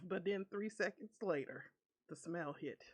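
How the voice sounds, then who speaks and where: A woman's voice: on the low side, unhurried, slightly rough. A woman streamer reading an online story aloud with her own commentary, laughing often between lines. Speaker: VTuber streamer.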